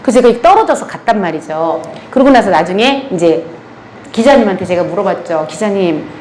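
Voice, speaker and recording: A woman's voice: mid-range voice, fairly quick, a little hiss or hum. A middle-aged woman giving a church training talk, telling stories with lots of laughter. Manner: animated storytelling with frequent laughter. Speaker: church ministry lecturer. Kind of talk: lively anecdotal talk to a church audience. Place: church lecture hall. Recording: roomy hall with faint ambience.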